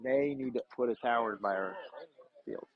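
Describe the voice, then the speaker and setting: A play-by-play announcer calls a youth baseball game from the sidelines, chatty and easygoing and laughing often. His voice is medium-pitched at a moderate pace, with crowd noise and muffled lo-fi stream audio.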